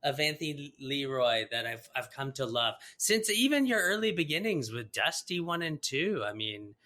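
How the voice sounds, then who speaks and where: Bright-voiced chatty podcast host man. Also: on the high side, sing-song, moderate pace. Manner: chatty, rambling, laughs often. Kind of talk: casual interview chat.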